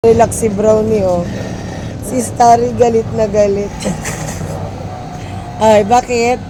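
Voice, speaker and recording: A woman's voice: a little high, steady tone, unhurried, noisy background. A woman filming her dogs, talking to them in a fond, coaxing, baby-talk way.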